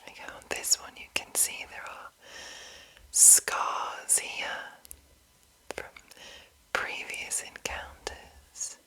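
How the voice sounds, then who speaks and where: In a rough recording, a woman whispers gently and unhurriedly in ASMR style, her delivery breathy and unvoiced. She hosts a whispered fantasy reading series, offering whispered commentary and reading aloud.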